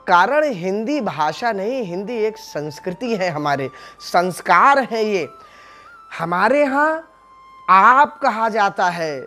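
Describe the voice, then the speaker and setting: Male spiritual teacher, unhurried discourse, rhetorical questions to the crowd, soft music in the background. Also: high-pitched. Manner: explains Hindi sounds by voicing each syllable; addresses the audience as friends, asks rhetorical questions. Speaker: religious teacher. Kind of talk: devotional discourse.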